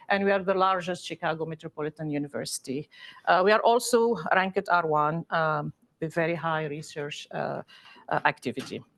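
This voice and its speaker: A middle-aged woman from Tunisia, an associate professor giving an academic seminar talk in a conversational way, pausing often with fillers. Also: fairly low pitch.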